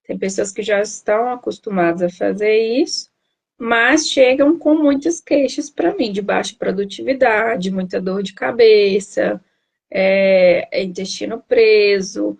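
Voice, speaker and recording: A woman's voice: medium pitch, unhurried, creaky. A woman nutritionist with a Brazilian Portuguese accent, explaining health advice in a casual live interview, with many tag questions and restarts. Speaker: nutritionist guest. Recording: video call.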